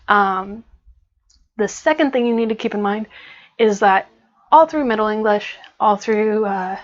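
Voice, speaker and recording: A woman's voice: medium pitch, lo-fi sound. An American woman teaching an online grammar lesson in a casual, chatty way, with frequent fillers as she explains. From United States.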